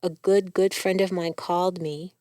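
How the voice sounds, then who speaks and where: A woman's voice: lowish voice, moderate pace, no room sound, studio quality. Candid woman telling her survival story. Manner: candid, animated storytelling with quoted dialogue. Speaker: cancer survivor guest. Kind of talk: personal storytelling in a podcast.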